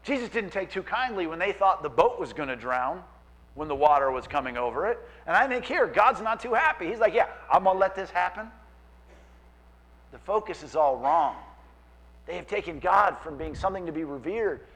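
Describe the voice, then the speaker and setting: A man preaching a sermon as pastor, animated and acting out quoted voices. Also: a little high, fairly quick, low-quality recording.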